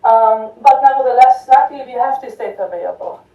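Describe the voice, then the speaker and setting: A fast-talking woman with a voice on the high side delivers an academic conference talk in a lecture hall. She stumbles through fillers and restarts, repeatedly asking "right?", and the hall recording sounds distant, echoey and lo-fi.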